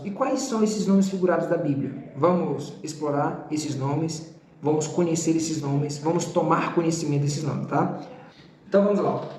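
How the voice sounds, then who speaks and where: A man's voice: on the high side, a little mellow, slight background noise. Man teaching theology in an echoey room. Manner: didactic, talks straight to the student with "tá?" and "ó"; drawn-out repetition of key terms. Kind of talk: recorded theology class.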